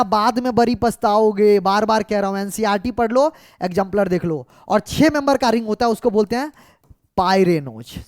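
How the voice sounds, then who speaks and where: A man's voice: high-pitched, no room sound, studio quality. A man tutoring students through exam paper solutions, mixing English terms into his explanation, scolding and coaxing them and often checking whether they have understood.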